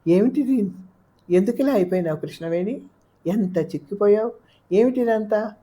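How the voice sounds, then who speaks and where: A woman's voice: low voice, lively intonation, moderate pace, warm tone. Woman reading an anxious young lover. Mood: distressed pleading. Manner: pleading, rising urgent questions. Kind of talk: audiobook character reading.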